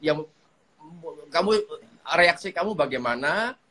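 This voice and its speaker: Man, live-stream host, teasing, somewhat high voice. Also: lively intonation, unhurried, bright, forceful tone, low-quality recording. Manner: teasing, playful. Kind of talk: casual live-stream chat.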